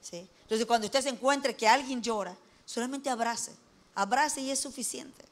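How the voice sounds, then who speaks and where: Ecuadorian lady preacher, high voice, chatty sermon, keeps asking the congregation stuff. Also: moderate pace. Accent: Ecuadorian Spanish. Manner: folksy, asks the listeners questions, jokes lightly. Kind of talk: conversational sermon.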